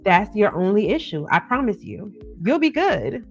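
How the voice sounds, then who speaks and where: A woman's voice: medium pitch, very animated, moderate pace. Lo-fi psychic hotline woman, encouraging. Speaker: psychic tarot card reader hosting a live call-in. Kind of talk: psychic hotline patter and casual advice. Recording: dull lo-fi sound with music behind.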